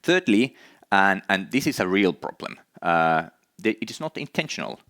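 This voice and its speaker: Low-voiced Finnish man presenting. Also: a bit bright, no echo, clean studio sound. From Finland. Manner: earnest, with frequent "uh" hesitations and repeated words. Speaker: conference speaker. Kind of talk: conference presentation. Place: conference hall.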